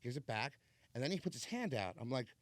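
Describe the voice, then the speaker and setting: A man's voice: mid-range voice, sing-song, fast, no room sound. New guy on a podcast spinning a story, super casual, lots of "like", dry sound. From New York. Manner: rambling, laid-back storyteller with frequent "like" and "so". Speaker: podcast guest.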